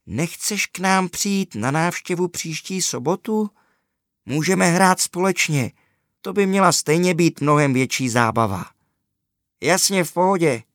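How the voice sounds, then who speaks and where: Man playing a young schoolboy, eager, high-pitched, storybook, dry close voice. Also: lively intonation, a bit bright, no room sound.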